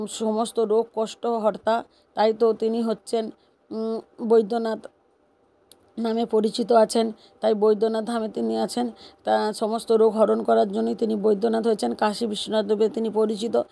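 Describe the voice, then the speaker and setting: Calm, mellow woman. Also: a little high, vocal fry. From West Bengal, India. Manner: calm and unhurried, with frequent hesitations. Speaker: devotional vlogger. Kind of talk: explaining a home worship ritual.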